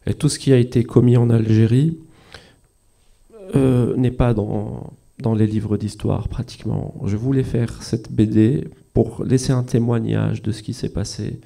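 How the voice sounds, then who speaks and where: Gravelly, dark-voiced man from Algeria. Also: mid-range voice, fairly even intonation, a little slow. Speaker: comics author and cartoonist. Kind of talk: casual talk to an audience.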